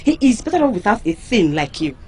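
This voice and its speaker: An actress playing a bold, sharp-tongued young village woman who taunts loudly and scornfully. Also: high-pitched, very animated, brisk, creaky, breathy edge, exaggerated voice. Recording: noisy background.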